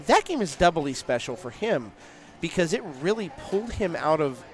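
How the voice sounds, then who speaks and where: A man's voice: a little high, sing-song, normal speed. A man calling a live tournament as play-by-play commentator, explaining at length with frequent fillers. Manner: analytical, long explanatory runs with fillers.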